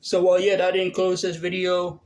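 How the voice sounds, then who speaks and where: A man's voice: high-pitched, monotone, moderate pace. A man in his thirties answering viewer questions in a casual vlog, hesitant and full of fillers and restarts. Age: 30s. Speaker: vlogger.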